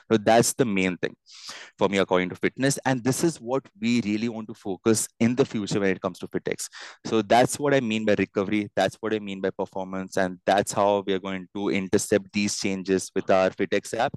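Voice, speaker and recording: A man's voice: lowish voice, darkish tone, no room sound, poor audio. A man with an Indian accent giving earnest, emphatic conversational answers as an interview guest, often repeating phrases for stress. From India, grew up in Bangalore and Bombay. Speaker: fitness entrepreneur and coach, interview guest.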